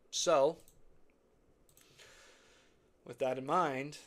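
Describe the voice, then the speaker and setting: A man hosting live crypto chart commentary, rambling and repeating himself, his voice slightly cracked. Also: mid-range voice. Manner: rambling, repeats phrases, says okay and right often. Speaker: crypto chart analyst host.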